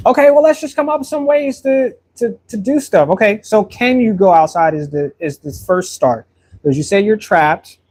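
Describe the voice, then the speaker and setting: Painting during a casual live-stream chat, a man in his thirties answers questions from viewers. He has a darkish tone, though his voice sits somewhat high for a man. His talk is friendly and rambling, with frequent repeated words as he hunts for his next thought.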